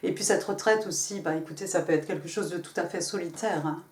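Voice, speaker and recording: A woman's voice: on the low side, brisk, a little mellow. A woman giving a casual tarot reading, chatty, stumbling over and repeating words and laughing at herself. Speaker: tarot reader. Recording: roomy, mic at a distance, faint noise.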